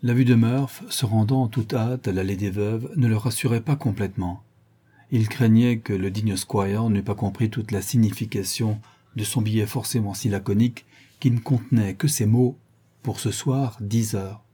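A man narrating a classic novel as an audiobook in a measured, even storytelling manner. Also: on the low side, breathy edge.

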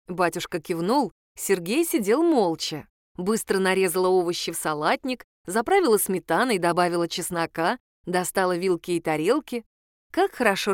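A woman reading a first-person audiobook in a calm, wry storytelling manner, in a dry recording. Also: mid-range voice, no echo. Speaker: audiobook narrator.

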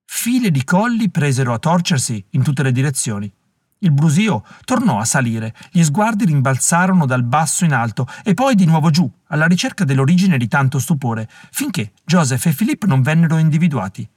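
A male audiobook narrator reading with expressive, dramatic phrasing. His voice sits somewhat high for a man and moves through a wide, animated range. The recording is close and completely dry. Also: brisk, breathy edge, no echo. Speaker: audiobook reader. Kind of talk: scripted narration.

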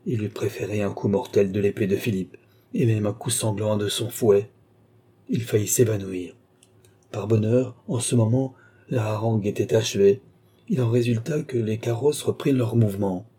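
A man narrating a classic novel in a measured, even reading. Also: lowish voice, breathy edge. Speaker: audiobook narrator.

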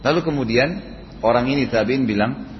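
A man's voice: mid-range voice, fairly quick. Man, preacher, casual storytelling lecture, faint background noise, lo-fi recording. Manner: conversational retelling with casual tag questions. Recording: echoey hall, slightly dull sound, faint noise.

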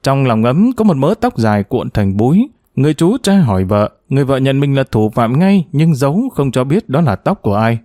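A man's voice: mid-range voice, very animated, fairly quick, hardly any pauses, dark tone, dry recording, studio quality. A man narrating a novel as an audiobook, storytelling expressively with varied pacing.

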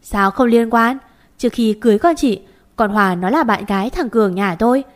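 A woman voicing a brash, quarrelsome middle-aged mother who wails and shouts. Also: on the high side, brisk, lightly acted. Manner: loud, wailing, coarse.

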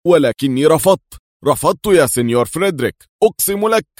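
Performing a panicked, frightened lawyer who stammers and begs frantically, a man raises his voice above its natural pitch to a medium level and acts it only lightly. His intonation is lively, his speed normal, and the studio recording is clean and echo-free.

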